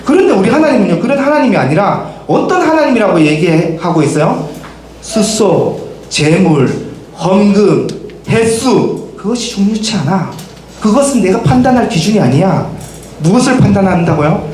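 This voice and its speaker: Animated male pastor in an echoey hall. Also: high-pitched. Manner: lively, asks the youth many direct questions and acts out quotes. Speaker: pastor preaching to a middle school summer Bible school. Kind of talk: sermon to teenagers. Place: church worship hall. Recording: very echoey hall, faint noise.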